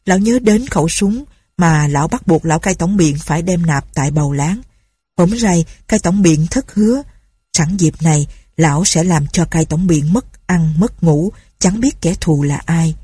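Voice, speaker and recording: A woman reads an audiobook story aloud. Her voice is low, mellow and husky, and the recording is dry and close. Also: expressive, normal speed, dry recording. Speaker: narrator. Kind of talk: audiobook narration.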